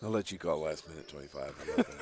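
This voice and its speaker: A man calling play-by-play for a high school girls' basketball game, reading out scores and times left. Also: fast. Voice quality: scratchy voice. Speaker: play-by-play announcer.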